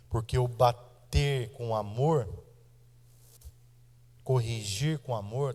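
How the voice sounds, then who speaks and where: A Brazilian man in his thirties preaching a sermon in a church, his mid-pitched voice carrying a long reverb tail from the hall. He talks straight to the congregation, pressing points hard, stretching some phrases slowly and rushing others. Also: darkish tone. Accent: Brazilian Portuguese. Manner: emphatic preaching with shifts of pace, direct address to the congregation. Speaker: pastor. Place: church sanctuary.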